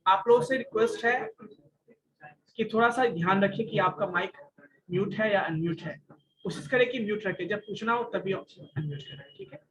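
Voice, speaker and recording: A man's voice: high voice, normal speed, fairly bright tone, poor audio. A male college lecturer teaching an online class, mixing English terms into his talk, explaining with everyday examples and asking his students questions.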